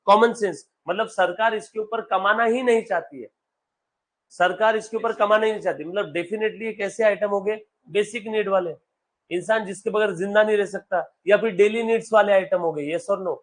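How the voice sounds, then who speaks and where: A male accountancy teacher giving a live classroom lecture. He reads English text slowly, explains it in Hindi, and keeps quizzing his students, calling them "beta". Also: sits high.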